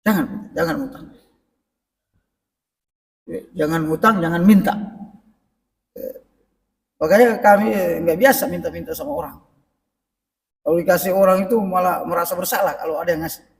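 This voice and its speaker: A middle-aged man with a high voice preaches in a relaxed, conversational way and keeps turning to the congregation. He sounds set back from the microphone. The mosque hall gives his voice a long, echoing tail. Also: normal speed, creaky, long pauses. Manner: conversational, addresses the congregation directly. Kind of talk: mosque parenting lecture. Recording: echoey mosque hall, mic at a distance.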